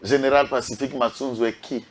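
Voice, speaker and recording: A man's voice: mid-range voice, steady tone, brisk. A man with a Congolese French accent giving impassioned political commentary, emphatic and full of rhetorical questions. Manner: emphatic, rhetorical questions, lists names with a repeated "est qui?".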